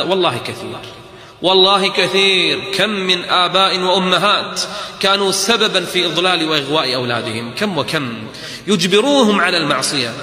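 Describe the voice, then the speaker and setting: A male preacher tells a moral story with passion and exhortation. His voice is a bit high for a man, bright and forceful. Long reverb from a large hall surrounds it. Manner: impassioned, exhorting. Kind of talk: storytelling sermon.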